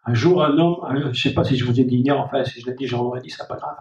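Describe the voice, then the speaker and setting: A fast-talking male pastor with a mid-range, darkish voice delivers a sermon, repeating key phrases and speaking directly to his congregation. The hall recording sounds dull and echoey, taken from a distant mic.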